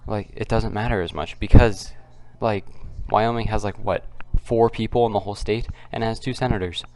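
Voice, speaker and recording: Male video commentator, deep and fry-heavy, quiet subdued delivery, casual and unscripted, halting. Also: steady tone. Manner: kept quiet, subdued because others are nearby. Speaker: political commentary video host. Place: at home, others nearby.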